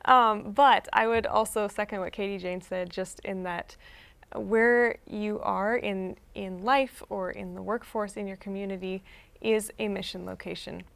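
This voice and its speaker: A young woman who works as an emergency room nurse appears as a guest in a faith interview, answering thoughtfully and in a friendly way, with some hesitations. Her mid-range voice is steady, unhurried, gravelly and a bit bright.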